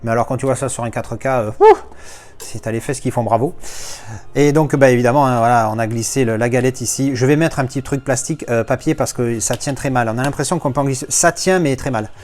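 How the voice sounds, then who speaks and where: A man's voice: medium pitch, fast, a little mellow. A man from France chatting casually as he unboxes his latest movie discs, rambling with playful asides.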